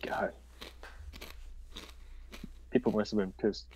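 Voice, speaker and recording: Young male co-host, low voice, loose rambling chat full of fillers. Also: steady tone, slow, darkish tone, a little hiss or hum. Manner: laid-back, rambling with many fillers. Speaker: livestream co-host. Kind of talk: casual chat.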